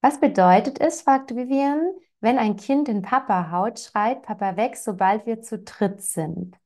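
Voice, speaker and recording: A woman's voice: on the high side, measured pace, warm tone. Woman coaching parents, direct and reassuring. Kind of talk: answering parents' questions.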